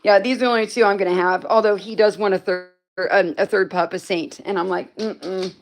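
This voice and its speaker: A woman's voice: medium pitch, steady tone, a little fast. A woman hosting a casual livestream from home, rambling through a story and answering viewers' comments as they come in. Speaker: livestream host.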